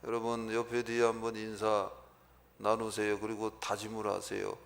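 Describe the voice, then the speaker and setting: Male pastor, Sunday sermon, gravelly voice, call-and-response repetition. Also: lowish voice, monotone, normal speed, a bit bright. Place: church sanctuary.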